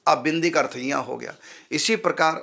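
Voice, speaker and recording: A man with a gravelly, slightly raised voice teaches mantra pronunciation. He is patient and sounds out syllable after syllable to drill them. He speaks as a spiritual teacher. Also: a little high, normal speed, sharp tone.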